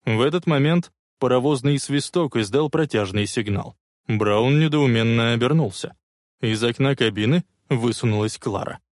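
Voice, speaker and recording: A man narrating an audiobook with expressive storytelling delivery. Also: mid-range voice, normal speed, no room sound, clean studio sound. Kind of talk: dramatic audiobook reading.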